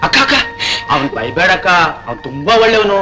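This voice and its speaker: An actor playing a kind, humble young male helper in an old Indian film drama, speaking gently and consolingly. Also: high voice, sing-song, fast, over music, rough recording.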